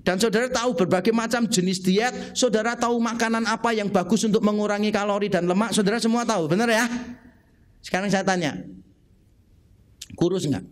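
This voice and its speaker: High-voiced man preaching with jokes. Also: brisk. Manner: jokey, storytelling, asks the congregation questions. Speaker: pastor. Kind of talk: humorous sermon.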